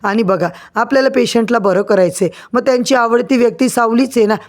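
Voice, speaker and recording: A woman's voice: on the high side, brisk, close to an everyday voice. A woman reading the lines of a patient male doctor in a serial recap, in her own plain voice. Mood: advising. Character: calm, reassuring male doctor.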